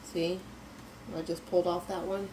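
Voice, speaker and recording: A woman getting over an illness, talking through a kitchen canning tutorial in a relaxed, instructive way and repeating reminders. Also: on the low side, moderate pace, noisy background. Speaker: home canning vlogger. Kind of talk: casual step-by-step kitchen tutorial. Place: home kitchen.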